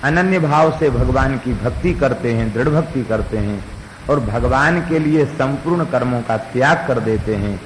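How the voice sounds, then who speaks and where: A man giving a devotional sermon, telling a story slowly and chanting verses. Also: mid-range voice, animated. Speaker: preacher. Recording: long hall reverb, faint ambient noise.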